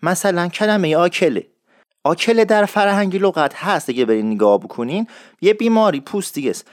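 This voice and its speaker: A man teaching dialect expressions, explaining in a lively way and repeating words slowly for learners. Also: high-pitched, dry recording, clean studio sound. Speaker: language teacher.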